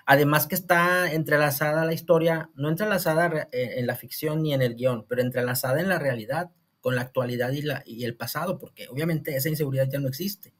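A man's voice: fairly high pitch, fairly even intonation, fast, few pauses, fairly bright tone. A man from Monterrey with a northern Mexican accent, talking through a series review in a casual, rambling way, full of restarts and "o sea".

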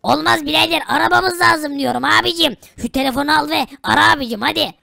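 A woman's voice: high-pitched, fast, vocal fry, sharp tone, no echo, clean studio sound, exaggerated voice. A woman voicing a poor, easygoing male friend who talks in casual brotherly slang in a game role-play.

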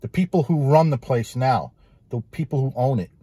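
A man's voice: mid-range voice, moderate pace, mellow, slightly rough, no room sound. A man hosting a casual food review vlog, talking about pizza with enthusiasm and repeating his phrases for emphasis.

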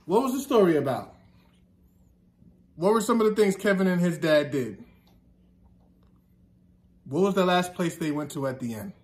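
A teacher in his thirties with a high, animated voice reads a children's picture book aloud in a classroom. His delivery is deliberate and sing-song, leaning on the words that repeat.

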